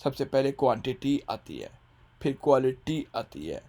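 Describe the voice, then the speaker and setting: Man, Punjabi-Urdu accent, English grammar teacher, mid pitch, step-by-step explaining, rhetorical questions, very slow example sentences. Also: very animated, warm tone. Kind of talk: recorded grammar lesson.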